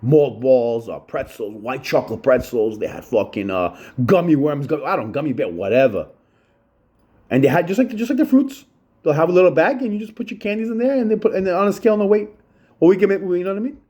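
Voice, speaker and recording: A man's voice: a little high, lively intonation, brisk, a little mellow. A middle-aged man, rambling profanely in a solo monologue about his childhood, repeating himself and saying "yo" often. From Long Island, New York. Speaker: channel host.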